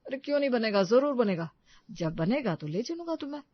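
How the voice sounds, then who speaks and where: A woman's voice: a little high, big pitch swings, fairly quick, no room sound, dull audio, voice pushed up. A woman voicing a mild-mannered young husband in a cartoon story, speaking in a coaxing, placating tone. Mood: pleading.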